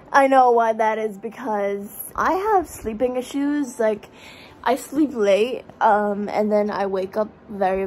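A woman's voice: medium pitch, a little mellow, low-quality recording. Young woman, tired after an all-nighter, rambling casual vlog chat, phone at arm's length, faint background noise. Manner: chatty, rambling, self-mocking. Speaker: vlogger. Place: small bedroom indoors. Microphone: phone camera at arm's length.

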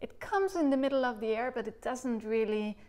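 This recorder teacher from the Netherlands, a woman in her thirties with a Dutch accent, has a fairly high, dark-toned voice with lively intonation at normal speed. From her living-room sofa she patiently demonstrates articulation, sounding out syllables with gestures.

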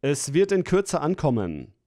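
For a language course, a man reads phrases slowly and clearly, splitting and repeating them with careful enunciation. His voice is a little high and mellow, with wildly swooping pitch and a slightly slow pace. The studio sound is clean, with no echo.

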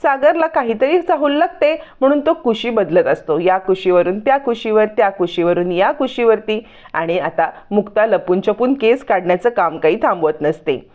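A woman retelling a TV serial episode as a story, voicing the characters' lines in between her narration. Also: normal speed. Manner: lively, voices the characters' lines with raised pitch. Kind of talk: storytelling recap with acted quotes. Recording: narrow phone-like sound.

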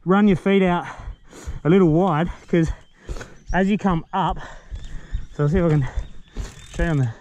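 His voice sits high at normal speed, with frequent pauses, as he casually reviews a mountain bike and then rides it on an outdoor trail. Relaxed and chatty, he grows excited while riding; the action camera on his helmet or bike picks up faint wind noise.

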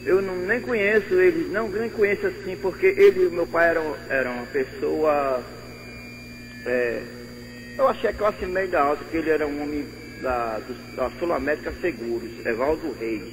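An older man calling into a radio show with a northeastern Brazilian accent, talking earnestly with halting repeats. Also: fairly high pitch, background noise. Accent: Brazilian Portuguese, northeastern. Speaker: caller. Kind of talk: phone-in call.

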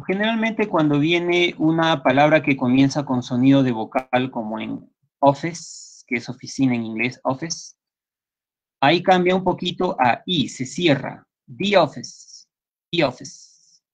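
A male English teacher with a Peruvian Spanish accent, speaking at a middling pitch in a patient, repetitive way. He keeps checking that his students follow along. The sound is a little dull and lo-fi. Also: measured pace. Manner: patient, repeats points and checks understanding with students. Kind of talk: online class lecture.

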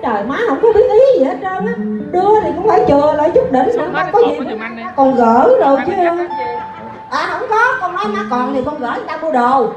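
A woman's voice: very high-pitched, sing-song, dull audio. A woman with a Southern Vietnamese accent playing a chattering daughter who fusses over her mother while loading her with chores. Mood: fussy. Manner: rapid, fussing and exclaiming. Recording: echoey stage with music.

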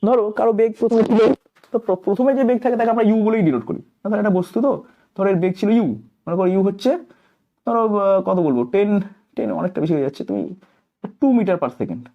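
Lively, fast-talking male physics teacher. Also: high-pitched, dull audio. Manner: asks and answers his own questions, emphatic; mixes English terms into explanations. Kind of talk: explanatory classroom lecture.

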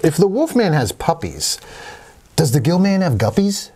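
A man's voice: a little high, very animated, moderate pace, warm tone. A middle-aged man telling a dad joke, question first and then the punchline. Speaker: joke challenge contestant. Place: small dark studio room, seated at a table.

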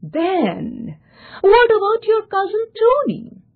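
A woman's voice: very high voice, wildly swooping pitch, slow pace, voice pushed up, full character voice. A woman voicing a grave inner voice of conscience that questions a young man sternly. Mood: accusing. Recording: tinny phone-like sound.

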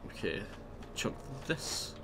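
Slowly and with some background noise behind him, a let's play host with a stuffy nose chats and rambles through casual commentary on a video game, exclaiming at what happens.

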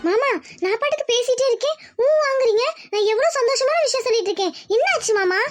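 A woman's voice: extremely high pitch, animated, quick pace, faint music behind, pitched above the performer's own voice. A woman voicing a young village bride in a cartoon, tender, pleading and emotional. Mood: worried. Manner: pleading, emotional, calls her fiancé uncle-sweetly. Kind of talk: cartoon voice acting.

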